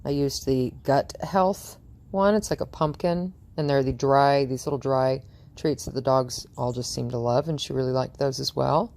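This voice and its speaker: A woman's voice: extremely low pitch, normal speed, darkish tone. A woman dog trainer chatting through a training session outdoors in front of a house, cooing praise at the dog and laughing often.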